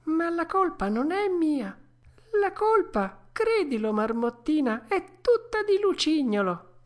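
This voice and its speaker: A woman's voice: sits high, big pitch swings, slow, pitched above the performer's own voice, full character voice. A woman doing a whiny frightened puppet boy. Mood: distressed. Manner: whiny, pleading, loud. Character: wooden boy puppet, young, frightened and impulsive.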